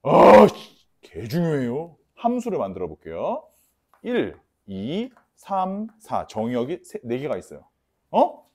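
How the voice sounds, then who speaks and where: A man teaching a math lecture emphatically, drilling warnings and checking his students understand, mixing polite speech with rough slang. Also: mid-range voice, huge pitch swings, unhurried, warm tone. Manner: repeats key warnings, asks students for confirmation.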